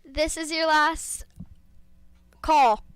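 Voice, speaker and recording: Woman reading short, slow announcements, high voice, distant over a track PA. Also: steady tone, no echo. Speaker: guest giving betting warnings at a harness race.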